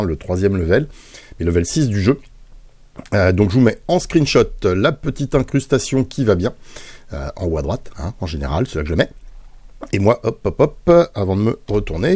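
Low mellow guy chatting through his game build, bouncy lively voice, goofy little sound effects. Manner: playful, chatty, fills pauses with mouth sound effects. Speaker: gaming video host. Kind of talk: casual gameplay commentary.

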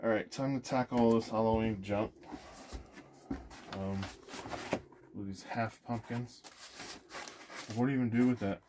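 A storage-unit reseller casually narrates while digging through boxes in a cargo trailer, thinking aloud in an offhand way with fillers. His fairly low voice is a little slow and fairly even, with long pauses, and the body-mounted camera audio is noisy.

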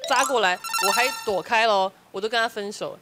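A woman's voice: medium pitch, fairly quick. A woman, a talk-show guest speaking emphatically and mixing in English words. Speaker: panel guest. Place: TV studio. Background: music.

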